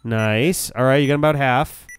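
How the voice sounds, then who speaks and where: A man's voice: mid-range voice, moderate pace. A man giving casual, crude commentary while coaching a friend through a retro handheld game. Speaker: let's play co-host. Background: faint game music and beeps.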